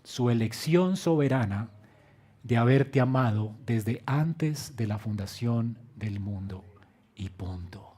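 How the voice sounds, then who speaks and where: A man preaching a sermon as pastor, swinging between quiet low phrases and loud emphatic bursts, and asking the congregation direct questions. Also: expressive, slow pace, slightly rough. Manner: acts out quoted lines with direct questions to the congregation.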